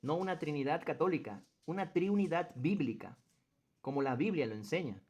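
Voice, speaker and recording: A man's voice: on the high side, animated, normal speed, darkish tone, husky. A man with a somewhat raised voice leads a group Bible study. He talks in an earnest teaching manner, reads passages aloud, and puts questions to the group. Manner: earnest teacher who quizzes the group and stresses points.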